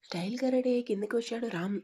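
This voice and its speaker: A woman narrating a romance story in a hushed, intimate way. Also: fairly high pitch, racing, husky.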